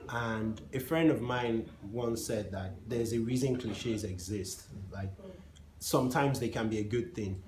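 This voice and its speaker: A man hosting an interview, asking questions in a chatty, teasing, informal way. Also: on the low side. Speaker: interviewer, co-host. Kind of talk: casual interview chat. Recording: roomy with faint background noise.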